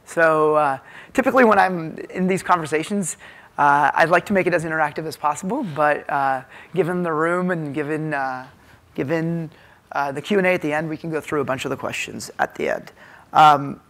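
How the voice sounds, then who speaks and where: An American tech executive in his thirties gives an informal keynote on a hotel conference ballroom stage indoors, wearing a lapel mic. His delivery is halting and full of fillers and hesitations, in a voice on the high side and a bit bright.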